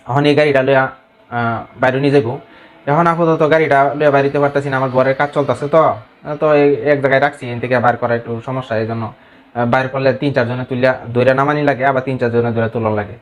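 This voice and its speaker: A man from the Mymensingh region of Bangladesh vlogging in his local Bengali dialect, talking casually to camera with a rambling, halting delivery. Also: medium pitch, fairly even intonation.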